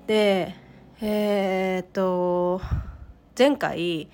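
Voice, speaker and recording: A woman with a croaky voice, hoarse from a cold, talking casually and haltingly as the solo host of a personal podcast. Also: mid-range voice, steady tone, darkish tone. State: hoarse from a cold, throat-clearing.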